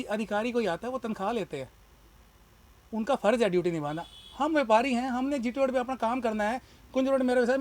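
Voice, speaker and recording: A man who runs a shop, speaking in an impassioned, argumentative way in a street interview. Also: very high voice. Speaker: shopkeeper and party worker.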